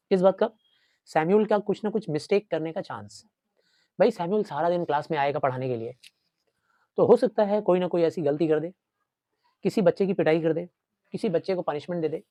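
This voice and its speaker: A man's voice: high-pitched, fairly quick, long pauses, mellow, no echo. Man teaching a story, dry close sound. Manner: explains line by line, repeats and asks questions. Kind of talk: story lesson mixing Hindi and English.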